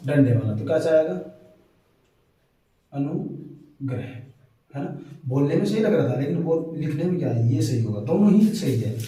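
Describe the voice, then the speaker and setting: A man teaching a lesson for exam preparation. He checks in often with "okay?" and slowly draws out words as he spells them. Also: a little high, very animated, dark tone. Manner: repeats checks like "ठीक है" and "है ना". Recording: very echoey room, far from mic, faint noise.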